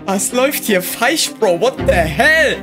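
A man with a German accent doing excitable, slang-heavy let's-play commentary and talking to his viewers. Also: high-pitched, unhurried, music in the background. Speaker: gaming youtuber.

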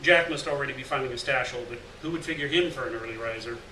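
Racing through a short story with a mid-range voice that's pushed and bright, a middle-aged man acts out the dialogue at a live literary event in a small indoor gallery. Captured via a gooseneck lectern mic and a far camera, the audio sounds roomy and distant, with faint background noise.

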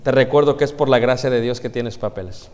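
A man preaching a sermon to a congregation, often pausing on rhetorical questions he answers himself. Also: mid-range voice, a little mellow. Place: church congregation. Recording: long church hall reverb.

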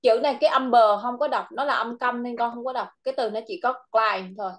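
A woman with a Vietnamese accent tutoring a child in English online, patient and repeating words slowly. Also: a little high.

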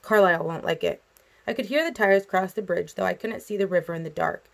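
Woman reading a novel aloud, steady. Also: mid-range voice, fast, gravelly. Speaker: audiobook reader.

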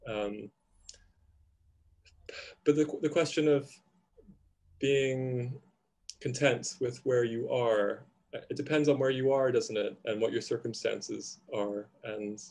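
On a video call from a room at home, a man in his thirties who grew up in Indonesia speaks as a panelist in a reflective conversation, thoughtful and hesitant with restarts. His medium-pitched, slightly mellow voice is slow, with vocal fry and frequent pauses.

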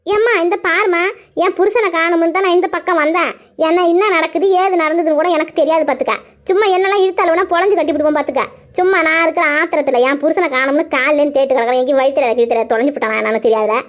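A woman's voice: very high voice, racing. A woman doing a grumbling wife seeking her husband. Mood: defensive. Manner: grumbling, defensive. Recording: dull lo-fi sound.

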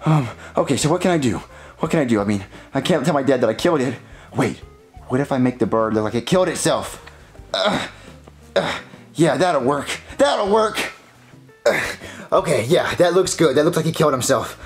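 A man's voice: medium pitch, lively intonation, normal speed, soft background music, natural voice. A man voicing a panicky, whiny young boy in a comedic puppet skit, stammering as he talks. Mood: scheming. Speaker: puppet character.

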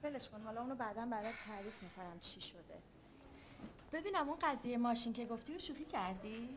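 An actress playing an anxious, protective young mother who is quick to alarm, in a TV drama. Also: on the high side, expressive, noisy background, close to an everyday voice. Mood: agitated.

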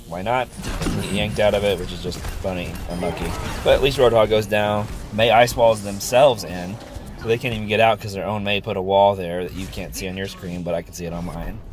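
A man giving a relaxed, upbeat review of a friend's game round, his voice worn from being sick. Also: lowish voice. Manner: easygoing, upbeat, many ums. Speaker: gameplay reviewer. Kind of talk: casual gameplay commentary.

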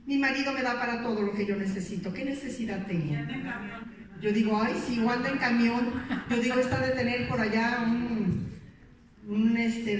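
A woman's voice: fairly high pitch, a little hiss or hum. Woman, motivational talk, playful, distant mic, faint ambience. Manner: lively, playful, teasing the audience with questions. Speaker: motivational speaker. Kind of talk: motivational talk to a women's meeting. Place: meeting hall. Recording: echoey hall recording from far off.

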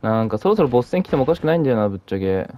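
A man giving casual, excitable commentary on a horror game he is playing, reacting loudly, joking to himself and mouthing silly sound effects. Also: mid-range voice, rapid-fire, highs cut off. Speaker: let's play commentator.

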